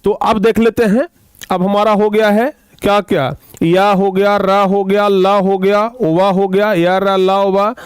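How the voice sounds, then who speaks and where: A man with a high voice teaches children a grammar lesson, going over each key term again and again. The sound is dry and close, with no room echo. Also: level tone, clear, resonant tone. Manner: repeats key terms slowly, calls pupils "dear children".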